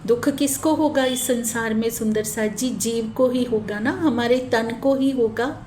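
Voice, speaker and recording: A woman giving a gentle devotional sermon, pleading and repeating lines slowly for emphasis. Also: on the high side, roomy sound, a little hiss or hum. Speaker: spiritual preacher.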